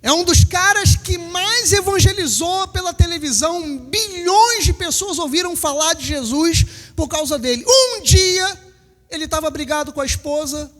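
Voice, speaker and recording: A man's voice: very high voice, expressive, normal speed, fairly bright tone, in a large hall. A man in his fifties from Brazil, preaching a sermon as pastor, repeating his warnings emphatically and acting out little scenes. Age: 50s. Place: church hall.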